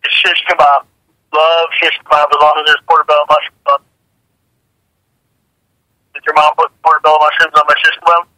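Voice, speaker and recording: Bright, chatty woman drag racer. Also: sits low, flat delivery, a little fast, long pauses, no echo, rough recording. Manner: chatty, laughs easily, repeats words. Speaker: jet dragster driver, guest. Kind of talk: casual interview chat.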